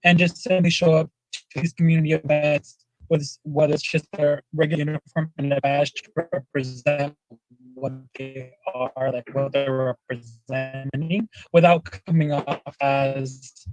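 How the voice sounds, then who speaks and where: A man's voice: fairly high pitch, little pitch movement, measured pace, no room sound, rough recording. A man asking a casual, word-searching question at a community meeting over a video call.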